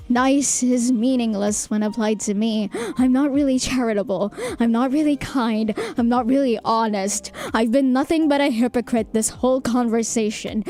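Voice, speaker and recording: A young woman streamer reading a visual novel aloud in a soft, hesitant, apologetic way. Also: on the high side. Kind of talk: reading game dialogue and first-person narration aloud.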